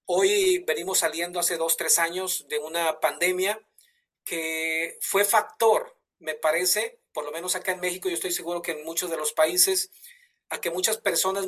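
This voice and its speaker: A man's voice: sits high, fairly bright tone. A man with a Mexican accent hosting a live online talk show, enthusiastic, with many fillers and restarts. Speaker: host.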